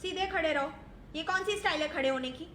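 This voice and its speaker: A woman's voice: very high-pitched, a little fast, fairly bright tone, slight background noise. A woman playing a strict schoolteacher who scolds and threatens her class in a comedy sketch. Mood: scolding. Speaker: teacher in a skit. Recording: roomy echo.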